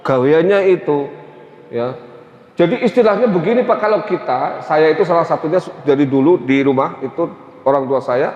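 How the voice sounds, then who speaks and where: A man's voice: a little high, a little mellow. Man, Tegal Javanese accent, chatty Islamic lecture, dull muffled sound, echoey hall. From Tegal, Central Java. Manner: conversational, many "ya" and "Pak" tags. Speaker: Islamic teacher. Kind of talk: religious lecture. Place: mosque hall.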